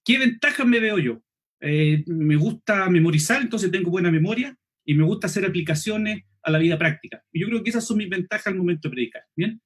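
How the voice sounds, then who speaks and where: Chilean man, high and slightly husky, running an online preaching class; quick, clipped delivery. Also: expressive, a bit bright. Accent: Chilean Spanish. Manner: quick, clipped speech, swallows final S, frequent "¿cierto?" checks. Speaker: preaching instructor. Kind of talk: online seminar lesson.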